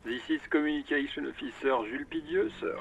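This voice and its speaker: A fussy old radio operator. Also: male voice, fairly high pitch, fast, vocal fry, muffled recording, a little hiss or hum. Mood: formal. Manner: formal relay-code radio talk. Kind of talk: video game voice acting.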